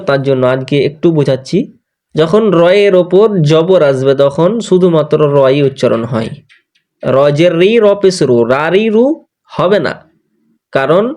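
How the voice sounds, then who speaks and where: A man teaching Quran pronunciation, patiently explaining where the tongue goes and repeating each letter sound slowly in drills. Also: a little high, darkish tone. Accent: Bangladeshi Bengali. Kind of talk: online tajweed class recap.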